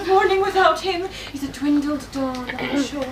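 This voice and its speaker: This is a woman playing a dotty, well-meaning friend who spouts proverbs in a high voice. She is heard from afar on a stage, with clear room noise behind her. Her manner is scatty and full of folksy sayings. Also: moderate pace, reverberant, recorded from a distance, lightly acted.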